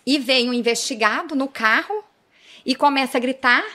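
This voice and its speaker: A woman's voice: high-pitched, normal speed, sharp tone. A woman, a police chief being interviewed, telling her story vividly and often speaking to the audience. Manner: vivid, dramatic retelling, often addresses the audience.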